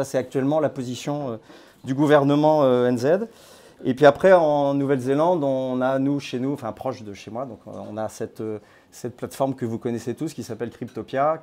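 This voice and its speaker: A man giving an informal presentation to a meetup group, talking in a conversational, halting way with many hesitations and restarts. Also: mid-range voice, darkish tone. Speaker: crypto platform founder giving a talk. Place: based in Nouméa.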